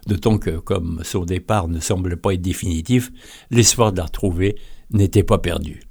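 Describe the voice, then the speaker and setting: A man's voice: deep voice, normal speed, vocal fry, a little mellow, husky. A man from France with a French accent, telling humorous stories in a wry, literary, playful way. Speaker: storyteller. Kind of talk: humorous storytelling monologue.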